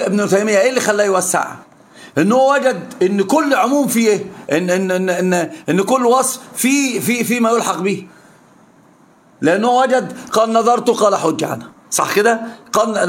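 A man with an Egyptian Arabic accent teaching an interactive religious lesson, pressing his students with repeated questions. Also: sits high. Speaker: Islamic scholar teaching students.

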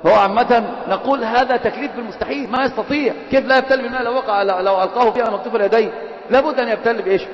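Fast-talking man teaching religion. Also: very high-pitched. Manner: mixes classical Arabic with colloquial, quizzes and teases dozing students. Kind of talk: Islamic lesson to students. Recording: echoey lecture hall, dull lo-fi.

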